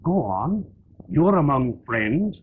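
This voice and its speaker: An actor playing a bitter male conspirator who speaks in slow, seething toasts and threats, heard as early talkie film sound. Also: a little high, sing-song, slightly rough, full character voice. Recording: tinny, hissy 1930 film soundtrack.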